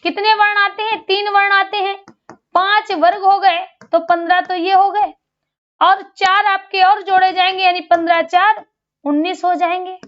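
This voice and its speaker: A woman's voice: very high-pitched, little pitch movement, moderate pace, lo-fi sound. A woman teaching grammar in an online exam-prep lesson. She asks a question, answers it, then repeats it, and she sounds out syllables aloud for drilling.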